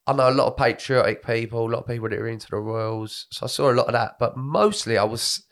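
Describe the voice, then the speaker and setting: A man with a southern English accent and a gravelly voice, hoarse from a cold, chatting in blokey, sweary podcast banter. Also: mid-range voice, quick pace, a bit bright. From Britain. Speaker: podcast host and comedian.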